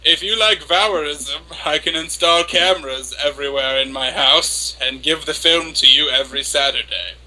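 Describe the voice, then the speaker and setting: Casting: male reader for lovestruck young anime woman, obsessive and flustered; hammy, theatrical dramatic reading, piercingly bright delivery. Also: a little high, normal speed, hardly any pauses, a little hiss or hum, rough recording. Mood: eager, devoted. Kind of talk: dramatic reading of an internet post.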